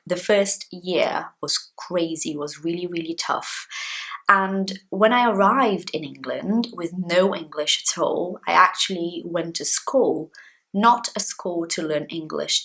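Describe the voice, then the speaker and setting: A chatty young Brazilian woman whose first language is Portuguese talks casually to the camera from a small room at home. An English teacher with a fairly low voice, she is expressive and gestures with her hands.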